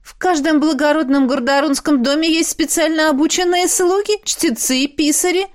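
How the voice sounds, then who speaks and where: Woman reader doing a squeaky stuck-up noble girl, whiny and scared, way up high. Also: moderate pace, natural voice. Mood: haughty. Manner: high, haughty, then whimpering. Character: haughty young noblewoman concubine, whiny and frightened.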